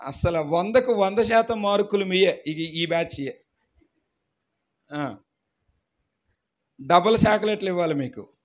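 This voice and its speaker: A hoarse man, a pastor teaching a Bible class, quizzing his students and getting them to call answers back, with emphatic shouted lines. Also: sits high, slow, pauses often. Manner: call-and-response, quizzing the class and urging them to repeat aloud. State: hoarse, voice worn out.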